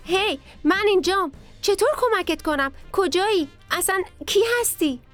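A woman's voice: very high-pitched, a bit bright, soft background music, voice pushed up. A woman voicing a shy, tearful, kind little onion in a children's story, eager and stammering.

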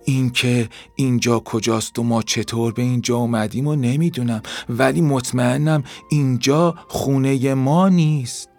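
A brave, stubborn little ant from a children's storybook, speaking firmly in a mildly raised voice, as a man puts it on. Its tone keeps a gravelly roughness. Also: mid-range voice, steady tone, few pauses, a little mellow, soft background music, pitched above the performer's own voice, lightly acted. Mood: determined.

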